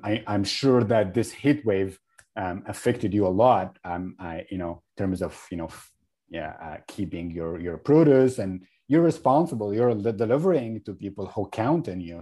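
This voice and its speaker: Low, mellow man from Egypt. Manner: halting, many fillers and restarts. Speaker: guest, regenerative agriculture advocate. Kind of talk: podcast interview.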